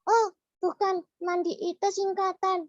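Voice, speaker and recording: A woman voicing a cheeky little child sidekick in a children's storytelling show, squeaky and playful. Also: flat delivery, unhurried, no room sound. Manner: squeaky, playful, interrupts with jokes. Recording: slightly muffled, dry sound.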